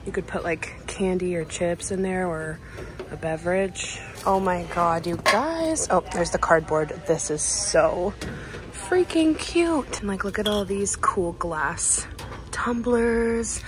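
A woman's voice: fairly low pitch, slow, noisy background. Gushing young woman filming in a store. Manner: gushing, excitable, talks straight to viewers. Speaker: lifestyle vlogger. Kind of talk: casual shop-with-me vlog. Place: large retail store, indoors. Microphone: handheld phone at arm's length. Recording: in-store background ambience.

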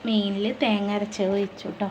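A woman's voice: medium pitch, flat delivery, brisk. Chatty woman cooking in a noisy kitchen. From Malappuram, Kerala. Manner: chatty, keeps adding friendly tag questions to viewers. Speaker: home cooking vlogger and mother. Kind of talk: casual cooking vlog narration. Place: home kitchen while cooking. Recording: loud clattering pots, dishes and stirring.

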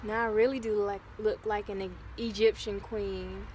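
A woman's voice: medium pitch, little pitch movement, moderate pace, a little mellow. A woman vlogger chatting casually and talking straight to her viewers on a phone camera. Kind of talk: casual vlog chat. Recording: noisy background hiss.

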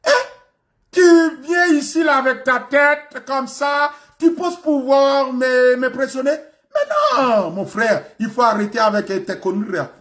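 A brash young man with an Ivorian French accent, put on by a male comedian, speaks loud and swaggering in a raised, high-pitched voice. His talk is bold and in your face. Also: lively intonation, a little slow, full character voice. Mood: confrontational.

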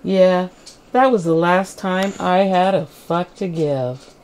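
A woman vlogger delivering a playful comic monologue to camera with deadpan jokes. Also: on the low side, slow.

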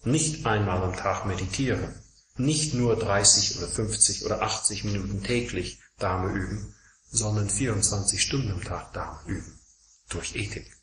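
A man's voice: lowish voice, moderate pace. Man, Buddhist teacher, lecture-style talk, emphatic contrasts, counts off points, roomy lecture room, faint noise. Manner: emphatic, rhetorical repetition of contrasts.

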